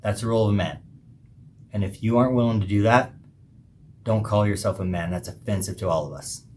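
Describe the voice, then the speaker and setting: A man hosting a podcast, giving an emphatic, preachy monologue with pauses between phrases. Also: lowish voice, a little mellow, slight background noise. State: hiccuping. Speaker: podcast host. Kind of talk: opinionated monologue.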